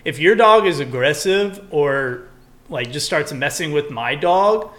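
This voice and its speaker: Bright-voiced young guy on a podcast, rambly and sweary, gets loud when he rants. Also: on the high side, measured pace. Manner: rambling, profane, animated when ranting. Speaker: podcast co-host. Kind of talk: casual chat.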